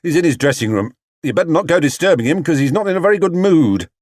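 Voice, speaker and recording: A man playing a flustered male theatre stagehand who scolds in a hurried way in a storybook reading. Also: on the high side, very animated, a little mellow, no echo, clean studio sound, voice pushed up.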